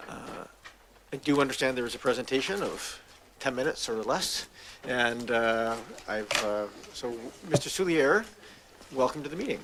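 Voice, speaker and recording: A man, the mayor, chairing a council meeting in a relaxed, dryly humorous way, with fillers. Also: medium pitch, normal speed, slight background noise.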